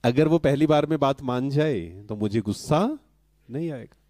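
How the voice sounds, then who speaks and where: A middle-aged man giving a spiritual talk to a live audience, calm and questioning, who keeps asking the audience to answer and mixes in English words. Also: medium pitch, moderate pace, no room sound. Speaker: spiritual speaker.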